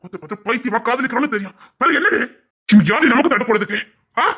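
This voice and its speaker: An actor with a Tirunelveli Tamil accent playing a desperate young man who pleads with his lover, swinging from hushed pleas to shouting. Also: extremely high pitch, animated, fast talker, husky, full character voice. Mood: pleading. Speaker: actor in a romance drama. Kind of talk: emotional drama acting.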